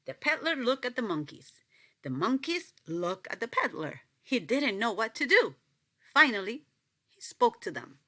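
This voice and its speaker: A woman reading a picture book aloud to children, expressive and asking them questions. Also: on the high side, a little slow. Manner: expressive, asks the listeners questions. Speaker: storyteller.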